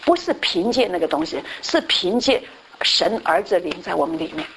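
A woman pastor giving a conversational Bible class. She repeats her phrases and often fills her pauses with a short affirming word. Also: mid-range voice, a little hiss or hum, rough recording.

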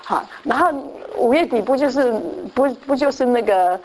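A woman's voice: fairly high pitch, lively intonation, moderate pace, darkish tone. A woman preaching, telling a testimony as a sermon story with many repetitions and restarts, sometimes acting out the people she quotes. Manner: acts out quoted voices, mixing in English phrases.

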